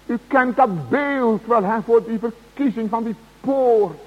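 A man preaching a sermon to his congregation, slow and solemn, with emphatic cries. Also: very high voice. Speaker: pastor. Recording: dull radio broadcast in a large hall.

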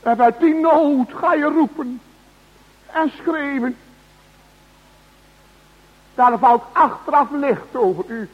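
A man preaching a sermon to his congregation, slow and solemn, with emphatic cries. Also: very high voice. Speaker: pastor. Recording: dull radio broadcast in a large hall.

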